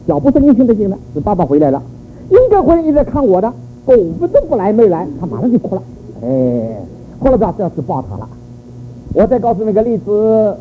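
Older male church speaker, high and animated, storytelling sermon, narrow phone-quality recording. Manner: animated storytelling with rhetorical questions. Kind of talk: sermon on child-rearing. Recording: phone-like narrow audio with faint noise.

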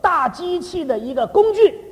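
A woman lectures in a high, lively voice that moves quickly. She speaks in short rhetorical phrases, often capped with tag questions, and pauses for an interpreter. Long reverb from the hall trails each line. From Taiwan.

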